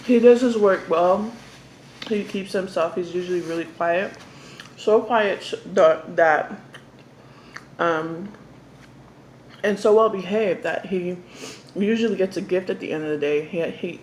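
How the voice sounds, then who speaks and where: A young woman casually telling a story to the camera during an eating show, talking while she eats and pausing for bites. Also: on the low side, fairly even intonation, a little mellow. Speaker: mukbang vlogger. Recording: echoey room with faint background noise.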